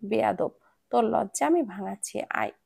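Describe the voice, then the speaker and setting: A woman's voice: mid-range voice, expressive, normal speed, vocal fry, darkish tone, husky, exaggerated voice. A woman voicing an irritated, hot-tempered young man who scolds his friend. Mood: annoyed. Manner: annoyed, scolding.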